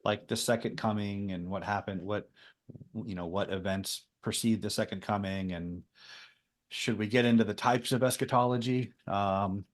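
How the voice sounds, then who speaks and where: A man co-hosting a podcast, explaining theology in a relaxed, conversational way with frequent ums. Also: lowish voice, normal speed. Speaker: podcast co-host. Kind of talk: casual theology podcast discussion.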